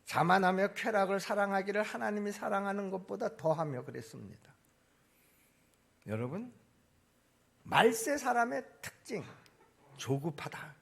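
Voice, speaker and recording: A man preaching a sermon to a church congregation, swinging between loud emphatic lines and quiet asides. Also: sits high, lively intonation, unhurried, creaky, pauses often. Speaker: pastor. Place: church sanctuary.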